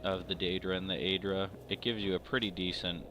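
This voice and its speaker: A man's voice: low voice, flat delivery, fairly quick, over music. A man hosting a gameplay video, chatting casually with lots of fillers, and hiccuping. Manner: rambling, filler-heavy, self-deprecating. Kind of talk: casual let's-play commentary.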